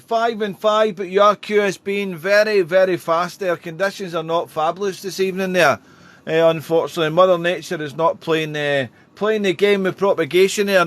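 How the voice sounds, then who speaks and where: A man whose voice sits high and sounds a bit bright makes radio contact calls, spelling call signs phonetically and chatting casually in a friendly way. Clear background radio noise is present.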